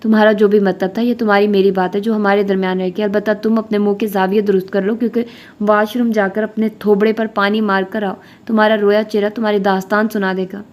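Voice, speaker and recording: A woman's voice: medium pitch, flat delivery, a little mellow, natural voice. A woman reading the lines of a bossy, teasing young best friend in an audiobook novel.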